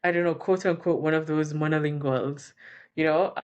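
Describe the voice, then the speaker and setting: The audio is dull, and the woman's voice sits low with fairly even intonation at normal speed. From Jamaica, with Jamaican Patois and English as first languages, she gives informal career and relocation advice, conversational and self-correcting, often repeating key terms.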